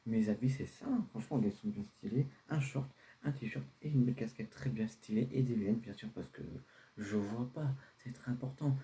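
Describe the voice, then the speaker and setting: Brief: laid-back teen son, hesitant, pleading , played by a man with a mellow voice. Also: mid-range voice, moderate pace, close to an everyday voice. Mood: casual. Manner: casual, pleading, hesitant with fillers. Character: carefree teenage son defending his outfit. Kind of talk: homemade comedy sketch.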